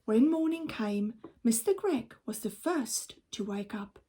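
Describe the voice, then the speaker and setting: Here a woman's slightly high, husky voice carries a children's story, read aloud in the steady, expressive style of a teacher.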